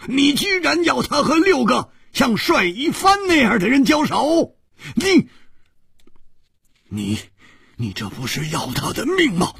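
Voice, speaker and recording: A man voicing an excitable, hot-tempered male swordsman in a storytelling reading, talking high and stammering. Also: a little fast, husky, dry recording, clean studio sound, heavily acted. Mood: outraged.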